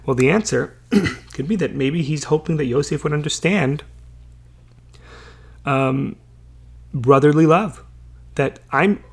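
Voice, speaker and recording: A man teaching a Bible passage in a casual way. He reads each verse slowly, translates it, and checks in with listeners as he goes. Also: a little high, creaky, breathy edge. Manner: chatty, many fillers and checking questions.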